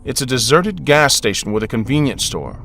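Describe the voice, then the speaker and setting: A man's voice: mid-range voice, expressive, fairly quick, fairly bright tone, soft background music. A young man narrating a first-person story as a harried father, with a wry, exasperated, joking manner.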